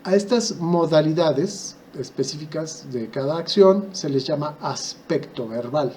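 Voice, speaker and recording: A man with a Mexican Spanish accent, teaching a language lesson patiently and step by step, posing rhetorical questions and pausing on filler sounds. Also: on the high side, lively intonation, a little mellow, a little hiss or hum. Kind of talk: explanatory video lesson.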